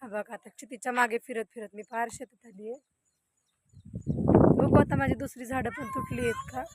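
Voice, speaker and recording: Phone in hand, a young woman chats to viewers while walking through a farm for a casual vlog. Her slightly high voice has a sing-song lilt at normal speed, and faint wind and outdoor noise can be heard.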